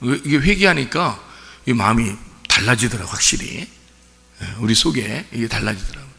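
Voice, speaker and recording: A man's voice: mid-range voice, animated, moderate pace, vocal fry, bright, forceful tone. A male pastor preaching a sermon in a conversational way, often putting rhetorical questions to his congregation. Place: church sanctuary during Sunday service. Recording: long church reverb.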